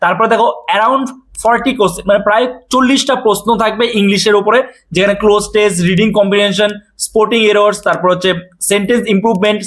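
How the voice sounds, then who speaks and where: A man's voice: high voice, fairly bright tone. A man explains a job notice to viewers as a coaching teacher, checking in often to make sure they follow. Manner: quick, addressing viewers directly with frequent check-ins.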